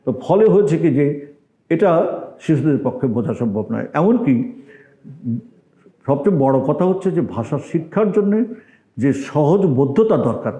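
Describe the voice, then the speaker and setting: An older man hosting a Bengali language show, explaining in a measured lecture style and repeating phrases for emphasis. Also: fairly high pitch, very animated, warm tone. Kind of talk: lecture-style talk to camera. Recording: roomy echo.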